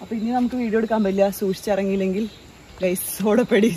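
A young travel vlogger narrates casually from a forest trail beside a waterfall, calling her viewers "guys" and mixing in English phrases. Her mid-range voice is mellow, fairly even in intonation, and rapid-fire. The audio is poor, with slight hiss or hum and music running under her voice.

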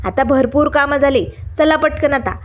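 A woman's voice: sits high, normal speed, muffled recording, close to an everyday voice. A woman voicing a young office woman who sounds flustered and evasive.

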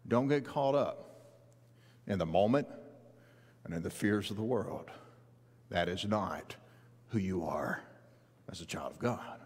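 Earnest preacher in a reverberant sanctuary. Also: male voice, sits low, animated, unhurried, pauses often, a little mellow, husky. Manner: earnest, rising to emphatic rhetorical questions, walking the stage. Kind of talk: sermon. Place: large church sanctuary. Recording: long reverb of a church hall.

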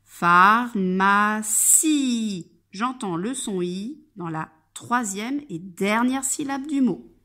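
A woman kindergarten teacher leads a lesson for young children, her voice sitting a little high. She speaks very slowly and addresses the child directly and patiently. She articulates every word with care and breaks words into their syllables. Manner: slow, clearly articulated, splits words into syllables. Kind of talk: instructional video for young children.

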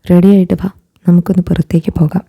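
A woman voicing a caring young man who speaks gently and reassuringly. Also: on the low side, level tone, quick pace, creaky, slightly rough.

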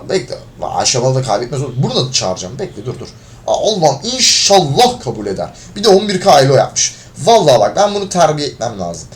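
Frustrated young-sounding gamer man, lively voice. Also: mid-range voice, fast talker. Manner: frustrated, swearing, shouts when losing. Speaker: gaming video creator. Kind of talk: live gameplay commentary.

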